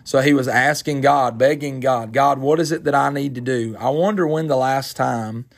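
A man's voice: medium pitch, moderate pace, vocal fry. A man preaching a sermon, earnest and repeating phrases for emphasis.

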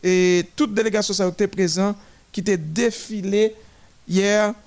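A man giving running commentary on a parade of nations, listing them one by one with halting restarts. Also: sits high, fairly even intonation, a little mellow.

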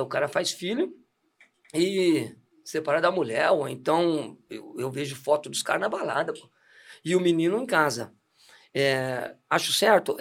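High-voiced chatty man. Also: gravelly, a bit bright. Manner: chatty, laughing storyteller with many restarts. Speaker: deacon giving testimony. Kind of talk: casual testimony chat.

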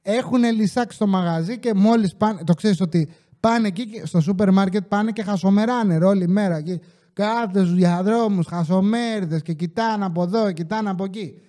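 A man hosting a podcast, telling comic stories in a casual, animated way, acting out what customers said and swearing freely. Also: high-pitched. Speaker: podcast host.

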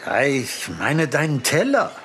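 A man voicing a cheerful, curious young girl in a children's audiobook, bright and eager. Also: fairly high pitch, very animated, measured pace, a little hiss or hum.

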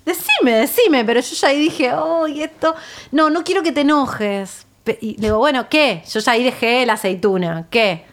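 A woman with a Rioplatense Spanish accent telling a story in casual chat, animated, and she swings from loud to quiet. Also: sits high, normal speed.

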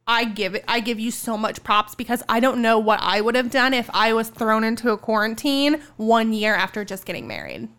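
A woman's voice: on the high side, animated, moderate pace, few pauses, a bit bright. A woman in her late twenties in a casual, reflective podcast chat, often using "like" as a filler. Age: 20s. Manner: reflective, heavy use of "like" fillers.

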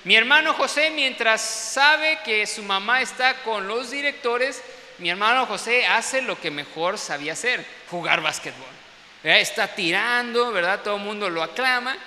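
A middle-aged man, preaching a sermon in an animated storytelling manner, often asking his listeners to confirm what he says. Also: sits high, moderate pace. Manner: storytelling, animated, peppered with tag questions. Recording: long hall reverb, faint hiss.

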